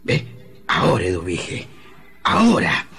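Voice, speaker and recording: Brief: man as low husky uncle, gruff, animated asides. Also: measured pace, faint music behind, heavily acted. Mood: gossiping. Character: gruff older uncle gossiping and spying. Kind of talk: comic radio drama.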